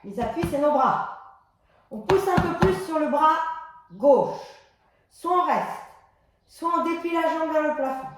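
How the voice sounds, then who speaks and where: A woman fitness instructor guiding a floor exercise class, giving calm step-by-step cues timed to the breath. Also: high voice, unhurried, pauses often, a little hiss or hum. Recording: very echoey exercise room.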